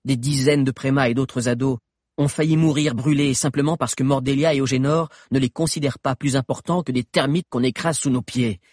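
A man's voice: medium pitch, very animated, a little slow, pauses often, a little mellow, husky, dry recording, clean studio sound, exaggerated voice. A man voicing an earnest teenage boy in an audiobook, speaking insistently. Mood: urgent.

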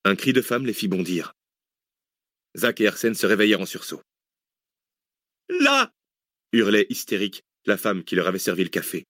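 Low-voiced male audiobook narrator. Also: brisk, no room sound, studio quality. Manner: steady storytelling. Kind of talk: scripted narration.

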